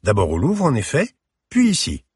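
A man reading aloud, voicing a refined sixty-five-year-old woman curator with a clear, slightly hissing voice and polite, formal manner. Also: mid-range voice, wildly swooping pitch, moderate pace, no echo, clean studio sound, pitched above the performer's own voice, exaggerated voice. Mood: courteous.

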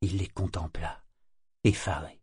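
A man reading an audiobook with steady, measured storytelling. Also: sits low, slightly rough, dry recording, studio quality. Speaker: audiobook narrator. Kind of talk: scripted audiobook narration.

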